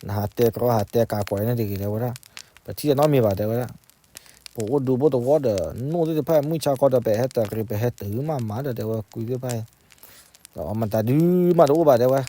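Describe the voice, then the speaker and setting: A man telling a folk story in an unhurried, conversational way. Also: mid-range voice, mellow.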